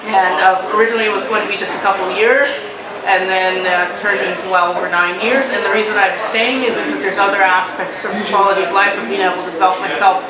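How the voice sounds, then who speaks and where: A woman in her thirties with a Canadian accent, a council candidate talking through her background and platform in a measured, explanatory way, often pausing to search for words. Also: mid-range voice, fairly even intonation, reverberant, far from the mic, a loud crowd, rough recording. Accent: Canadian English. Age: 30s. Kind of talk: campaign interview statement.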